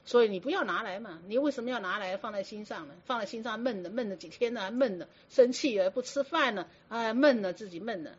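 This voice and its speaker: A woman's voice: medium pitch, fast, few pauses, slightly rough. A woman teaching a Buddhist sermon, often asking her listeners rhetorical questions. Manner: asks many rhetorical questions. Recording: dull lo-fi recording.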